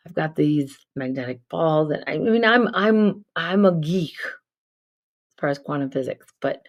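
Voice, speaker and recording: A woman hosting a live stream, telling spiritual stories casually, swinging between loud bursts and soft near-whispers. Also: sits low, gravelly. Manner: casual, swears, repeats herself. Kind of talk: spiritual storytelling chat.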